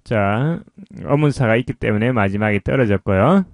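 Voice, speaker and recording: A man teaching English pronunciation, explaining slowly and patiently in a lesson voice-over. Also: on the low side, no room sound.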